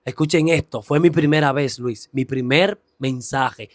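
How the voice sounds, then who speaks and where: A man's voice: medium pitch, a little slow, dry recording, studio quality. A man giving a personal faith testimony, earnest and rising into a preacher-like emphasis.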